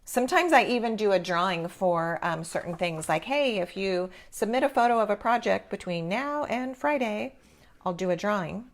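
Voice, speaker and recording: A woman hosts a live craft tutorial, informal and encouraging as she walks through each step. Her mid-range voice is expressive, and she talks at a normal speed.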